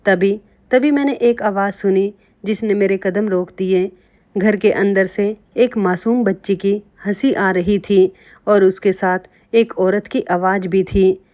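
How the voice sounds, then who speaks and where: A woman's voice: medium pitch, fairly even intonation, a little slow, a little mellow. A woman telling a dramatic first-person story, emotional and often addressing listeners as friends.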